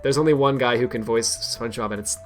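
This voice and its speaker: A male streamer talks loosely, rambling and poking fun at himself between bursts of laughter. His pitch sits in a middle range, and soft music plays underneath. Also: quick pace. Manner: rambling and self-deprecating, laughs often. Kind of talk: casual live-stream chat.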